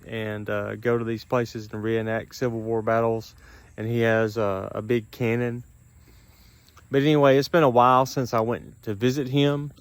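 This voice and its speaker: A middle-aged man talking casually to a vlog in a drowsy, halting, unhurried way, with a dry mouth and some gum chewing. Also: medium pitch, clean tone, dry recording. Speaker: vlogger. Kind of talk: casual solo vlog, rambling personal talk.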